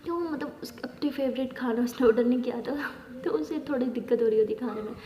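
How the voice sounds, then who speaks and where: Chatty woman storyteller, high voice. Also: a little fast, mellow. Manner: chatty, conversational retelling. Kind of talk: casual story narration. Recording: echoey dull lo-fi room recording.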